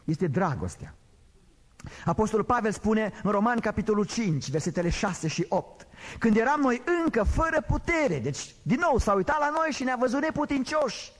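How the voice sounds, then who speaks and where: A man preaching a sermon, swinging between loud emphatic declarations and quiet, low storytelling. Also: very animated. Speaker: pastor. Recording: long hall reverb.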